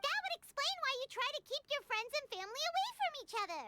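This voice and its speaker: A woman voicing a tiny, greedy, cheerful childlike companion in a video game, squeaky and exaggerated. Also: very animated, fast talker, background noise. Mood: smug, inquisitive. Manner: squeaky, exaggerated, speaks of herself in third person. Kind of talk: video game character voice acting. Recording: game music behind the voice.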